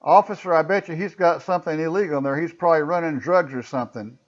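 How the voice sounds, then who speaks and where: A man's voice: fairly high pitch, quick pace, lo-fi sound, voice pushed up, lightly acted. Man voicing a snide handcuffed crook. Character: sneering handcuffed male crook.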